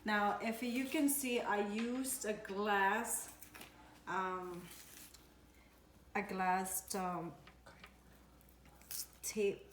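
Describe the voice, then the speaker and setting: A woman's voice: mid-range voice, fairly even intonation, very slow, long pauses, a little hiss or hum. A woman from Ecuador, a nutritionist giving a chatty cooking demonstration in her home kitchen and searching for words as she goes. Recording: echoey kitchen with dish clatter.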